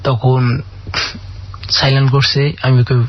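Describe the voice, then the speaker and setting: A man's voice: mid-range voice, little pitch movement, slow pace. A man calling in to a radio show, earnestly telling a long personal story full of quoted dialogue. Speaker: caller. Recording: dull lo-fi radio audio.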